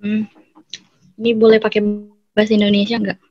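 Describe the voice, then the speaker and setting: A woman's voice: mid-range voice, completely flat delivery, a little fast, a little mellow, dry recording. A woman, a webinar participant, asking a question hesitantly with fillers over a video call. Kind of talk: casual question. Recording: dry, dull call audio.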